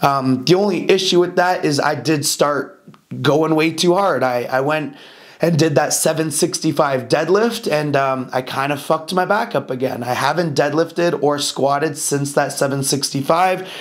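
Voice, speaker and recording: A man's voice: on the high side, measured pace. A young man talking casually to camera as a fitness vlogger, blunt and swearing often, with lots of fillers.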